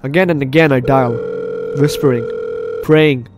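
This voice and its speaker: Over game music, a gaming video host delivers gameplay commentary in a steady, mid-range voice at a moderate pace. Reading story text aloud, he goes for drama but stumbles over a word here and there.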